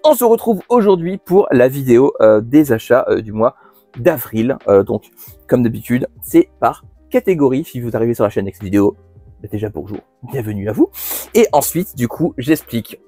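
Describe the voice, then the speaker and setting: A man's voice: medium pitch, mellow, no room sound. A man hosting a casual monthly manga haul video, chatty, with many fillers and restarts. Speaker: manga channel host.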